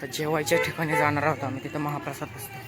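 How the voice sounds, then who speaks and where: A man filming a casual travel vlog from an auto rickshaw on a phone, chatty and excited, always telling viewers to look. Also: on the high side, quick pace, loud music behind the voice. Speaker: vlogger. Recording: loud road noise and chatter.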